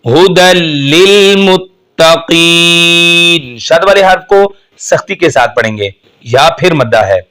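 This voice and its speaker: A man teaching Quran recitation in Urdu, who patiently explains the rules step by step and then chants the verses slowly and melodically. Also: fairly high pitch, a bit bright. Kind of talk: slow step-by-step tajweed lesson.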